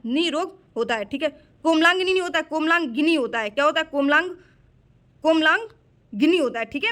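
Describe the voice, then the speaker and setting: A woman's voice: high voice, pushed and bright. A woman with a Hindi accent teaching a spelling lesson for exam prep, repeating each word and quizzing the class as she goes. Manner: repeats words with quiz-style questions.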